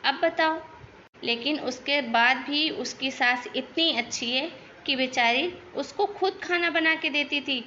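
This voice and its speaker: A woman's voice: high-pitched, unhurried, bright, forceful tone, dull audio, slight background noise. A woman voicing a chatty young daughter-in-law in a cartoon, complaining about her in-laws. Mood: gossiping. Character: gossipy young daughter-in-law, lazy and talkative. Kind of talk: cartoon voice acting.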